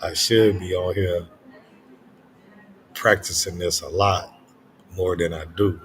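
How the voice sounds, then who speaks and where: An older man hosting a casual late-night monologue in a reflective, halting way, repeating phrases for emphasis. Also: low-pitched, steady tone, a bit bright, slight background noise. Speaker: host of a late night talk stream.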